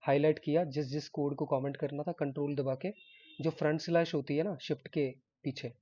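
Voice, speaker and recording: A man teaches a coding class in a loose, chatty way, repeating points and checking in with students. His voice is mellow and slightly husky and sits a little high. The recording sounds dull and lo-fi. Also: little pitch movement, brisk. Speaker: programming teacher. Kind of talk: live coding lecture.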